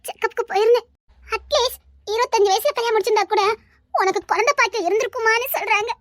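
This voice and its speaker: Someone doing a sad soft tirunelveli big sister, very high bright voice, dry. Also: fast talker, no room sound. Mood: sorrowful. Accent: Tirunelveli Tamil. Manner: tearful, soft-spoken, affectionate. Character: sorrowful childless elder sister, gentle. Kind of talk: homemade family drama.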